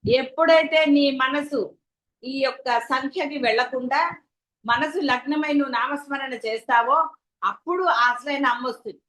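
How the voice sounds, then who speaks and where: A woman with a Telugu accent teaches in a high, clear voice. She gives a devotional discourse and keeps turning to her listeners with rhetorical questions. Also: fairly even intonation, moderate pace, fairly bright tone, rough recording. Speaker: spiritual teacher.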